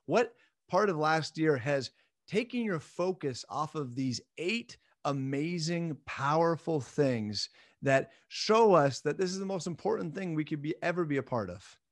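A man in his thirties with a fairly high voice gives an earnest, encouraging Bible lesson on webcam. The sound is dry and close, with no room around him. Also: animated, unhurried, dry recording. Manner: earnest, encouraging, jokes at his own slips. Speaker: church minister. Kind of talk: recorded midweek Bible lesson.

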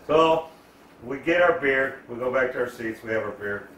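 A man's voice: medium pitch, moderate pace, fairly bright tone, a little hiss or hum. A man telling a rambling, profanity-filled story in a casual style while he cooks at home. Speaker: cooking vlogger. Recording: echoey room, voice far from the mic.

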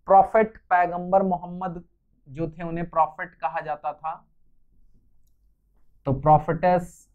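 A man's voice: high-pitched, flat delivery, takes it slowly, long pauses. A male English teacher lectures a class. He spells words out letter by letter and explains each point patiently. The recording sounds slightly dull and lo-fi.

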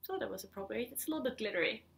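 A gravelly, expressive female voice, pitched a little high, rattles along rapid-fire in a casual knitting vlog. The speaker is a Swedish woman in her thirties with a Swedish accent, hosting a podcast from her living room at home and sounding slightly hesitant.

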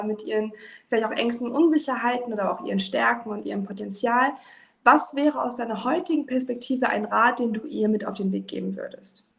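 A woman's voice: on the high side, creaky. A woman hosting a podcast, asking encouraging, reflective questions over a video call with frequent fillers. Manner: warm, encouraging questioner, often says "ähm". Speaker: podcast host. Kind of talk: casual conversational interview. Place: room with sloped ceiling.

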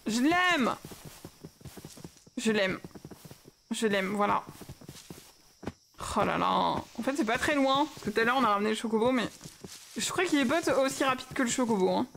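A young woman chatting excitedly while playing a game on a livestream and talking to her in-game pets and her chat. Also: a little high, moderate pace, creaky, long pauses, a little hiss or hum. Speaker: streamer. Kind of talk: casual Minecraft livestream commentary.

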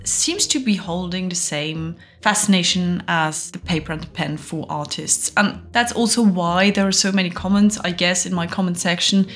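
A woman in a commentary clip, explaining her view in a measured, careful way. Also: fairly low pitch. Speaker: video creator being answered.

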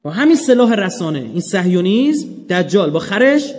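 High-voiced man lecturing in a reverberant hall. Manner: animated, dramatic swings from loud emphasis to hushed low asides; acts out quoted speech in storytelling. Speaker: religious lecturer. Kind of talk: religious lecture to an audience.

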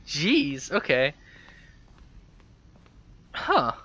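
Young man, gamer, musing, hesitant, slow pace, bright voice. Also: on the high side, huge pitch swings, lo-fi sound. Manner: musing, hesitant, thinking aloud. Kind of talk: let's play commentary.

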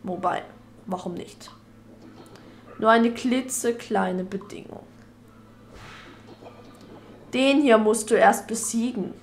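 A woman voicing a menacing dark lord villain while reading game dialogue aloud, with slow, drawn-out, theatrical threats. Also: fairly high pitch, slight background noise. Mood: mocking.

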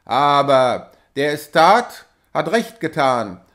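A man's voice: fairly high pitch, sing-song, slow pace, fairly bright tone, exaggerated voice. A man voicing a bull-necked, cheeky laborer who talks bluntly. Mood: insolent. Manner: blunt, insolent.

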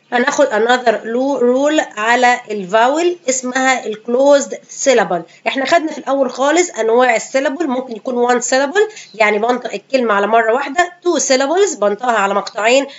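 A woman English teacher with an Egyptian Arabic accent, giving a pronunciation lesson, repeating each example word slowly and answering her own questions. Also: high-pitched. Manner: asks questions and answers them herself. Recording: dull lo-fi sound.

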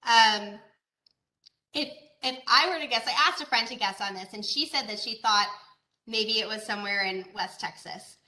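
A woman from Georgia leads an online lesson on farming and the environment, her voice bright and a touch high. She talks casually, with fillers and questions to the audience. The video-call sound carries a noticeable echo from the room. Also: normal speed. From Georgia, USA. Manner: conversational, with frequent fillers and rhetorical questions. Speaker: agricultural educator. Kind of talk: online presentation.

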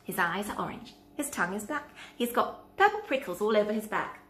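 A woman voicing a small, clever, boastful male mouse from a children's story, brisk and cheeky. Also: mid-range voice, lively intonation, fairly bright tone, lightly acted. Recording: echoey room.

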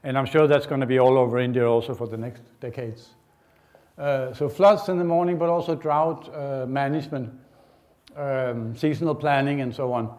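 A middle-aged man from Denmark, giving a university lecture in an informal, halting way with many fillers and restarts. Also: medium pitch, steady tone, darkish tone. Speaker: guest lecturer. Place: lecture hall, indoors.

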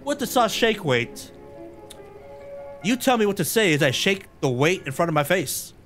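A man commentates a live game stream in an excitable, chatty way, laughing often and thanking viewers by name. His voice sits a bit high and swings widely in pitch. Faint game music plays underneath. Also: normal speed.

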